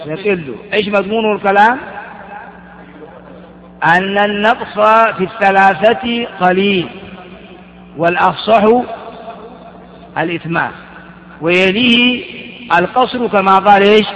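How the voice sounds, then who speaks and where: A man's voice: high-pitched, a little slow, pauses often, a bit bright. A man teaching Arabic grammar in class, asking questions and answering them himself with frequent restarts. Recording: dull, reverberant hall recording.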